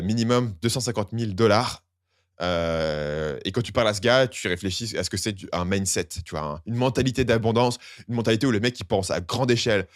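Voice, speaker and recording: Young male podcast host, quick and animated, low-pitched, dry close mic. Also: no echo. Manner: animated, slangy, acts out quoted complaints. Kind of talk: casual podcast chat.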